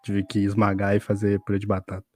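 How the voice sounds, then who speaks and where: A man's voice: lowish voice, fast, faint music behind. A man telling a tabletop game anecdote in casual chat, acting out the characters and laughing as he goes. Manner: animated, acts out guards shouting with laughter. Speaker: podcast guest.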